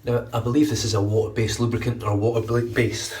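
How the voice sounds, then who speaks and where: A man in his thirties with a congested, nasal, mid-range voice talks fairly quickly while shaving for a grooming vlog, giving casual how-to commentary. He's chatty and relaxed and swears casually, filmed on a phone's front camera held at arm's length in a small, bright bathroom at home. The mic sounds distant, with a little hiss or hum.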